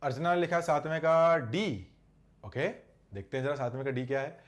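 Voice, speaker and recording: A male English teacher running a live online exam-prep class, chatty, with scolding asides to students and slow, careful reading of English sentences. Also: on the high side, highs cut off. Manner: reads English sentences slowly.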